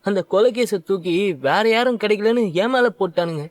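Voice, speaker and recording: A man's voice: sits high, brisk, dry recording, close to an everyday voice. Ex-convict lad, earnest and emotional, light voice, dry close sound, played by a man in a serial dub. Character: grateful young man, former prisoner. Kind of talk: dubbed serial dialogue.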